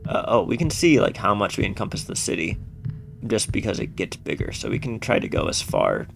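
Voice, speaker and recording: A man's voice: on the low side, huge pitch swings, a little fast, gravelly, soft background music. A man streaming a strategy game, thinking aloud about his moves and reading the game text aloud in a casual way. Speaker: let's play streamer.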